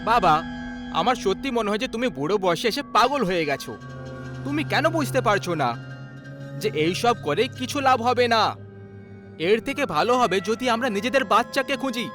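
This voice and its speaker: Man playing a high-voiced fed-up son, dismissive, music behind. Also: lively intonation, moderate pace. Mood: exasperated. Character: impatient grown son, skeptical and dismissive.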